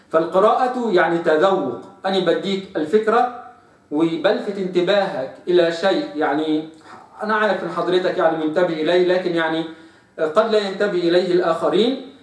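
A man teaching Quran recitation, stretching out single words slowly to model the right pronunciation. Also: a little high, distant mic. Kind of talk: tajweed lesson. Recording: echoey room, voice off-mic.

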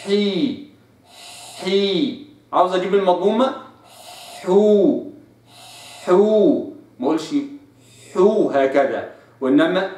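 A man with an Egyptian accent teaching Quran recitation, explaining and slowly demonstrating letter sounds. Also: high-pitched. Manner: slow drawn-out sound demonstrations between explanations. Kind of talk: tajweed lesson with demonstrations. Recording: echoey room, voice a bit distant.

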